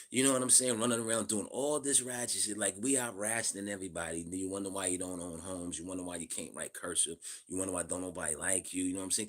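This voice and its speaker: A man in his fifties hosting a live stream, delivering a blunt, profane, preachy rant and greeting viewers in the chat. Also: lowish voice. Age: 50s. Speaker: livestream host. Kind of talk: livestream monologue.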